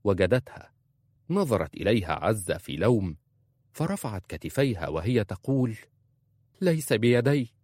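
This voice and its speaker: A man narrating a dramatic story as an audiobook, in a measured, dramatic reading. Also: lowish voice, very animated, a little mellow, husky, no room sound, studio quality.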